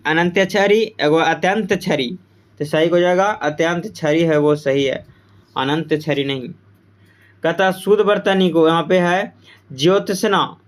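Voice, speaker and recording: A male teacher runs through exam-prep grammar points, asking a question and then repeating the answer back. His voice is smooth and resonant and sits a little high for a man. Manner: repeats answers with quiz-style questions to the class.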